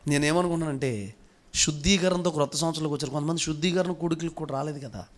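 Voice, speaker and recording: High-voiced preaching pastor. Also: male voice, fast. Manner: preaching with rhetorical questions, swinging between loud and hushed. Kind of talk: sermon.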